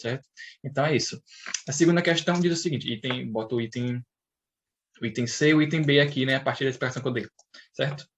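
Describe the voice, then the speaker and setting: A man teacher, casually going over answers in a recorded lesson, full of fillers and constant check-in tag questions. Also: on the high side. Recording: dull lo-fi recording.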